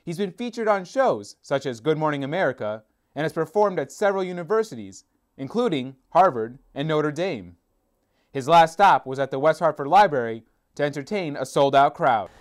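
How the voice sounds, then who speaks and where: A man's voice: fairly high pitch, very animated, moderate pace. A man narrating a scripted local news report as the reporter.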